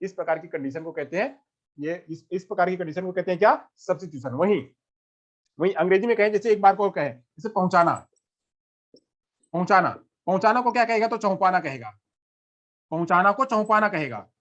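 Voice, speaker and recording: A man's voice: sits high, animated, fairly quick, pauses often, fairly bright tone. A male teacher giving an exam-prep lecture, repeating himself and asking questions he then answers. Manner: repetitive, asks and answers his own questions. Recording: dull lo-fi recording.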